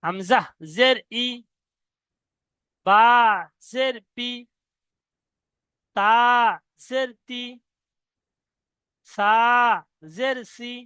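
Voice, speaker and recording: A man teaching Quran reading to students, spelling out each letter and syllable slowly. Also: very high voice, pushed and bright, smooth, no echo. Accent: Indian Bengali. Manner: slow, drawn-out syllable-by-syllable spelling. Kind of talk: spelling-out recitation lesson.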